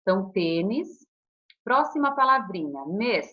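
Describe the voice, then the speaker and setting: A Brazilian woman teaching a recorded primary school lesson, patient and affectionate, stretching out words slowly for the children. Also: mid-range voice, big pitch swings, a bit bright, dull audio. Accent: Brazilian Portuguese. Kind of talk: recorded online class.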